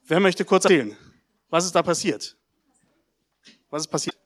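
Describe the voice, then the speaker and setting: A man giving a baptism sermon, telling stories lively and putting questions to the congregation. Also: fairly high pitch. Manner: addresses the congregation directly, asks questions; lively storytelling, with pauses and hesitations. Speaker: pastor.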